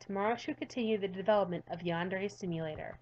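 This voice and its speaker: Reading a visual novel aloud on stream, this woman talks fast in a mid-range voice and breaks between passages to sigh and laugh expressively. The sound is lo-fi with a noisy background.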